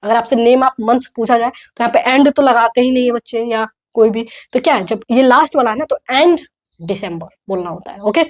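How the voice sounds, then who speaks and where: A woman from India teaching an English pronunciation lesson, repeating each word slowly and coaxing the class to say it back. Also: fairly high pitch, fairly even intonation.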